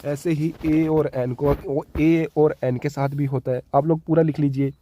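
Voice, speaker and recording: A man's voice: a little high, steady tone, measured pace, dark tone, slight background noise. A man with a Hindi accent teaching an English grammar lesson, explaining step by step and often checking in with his listeners. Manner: repeats key words and keeps checking with "ठीक है".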